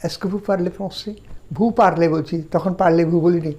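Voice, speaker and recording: Woman teacher going over grammar real slow, lowish voice, repeats phrases. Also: steady tone, mellow. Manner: slow, deliberate drilling of phrases. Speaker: language teacher. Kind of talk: explaining a French grammar lesson.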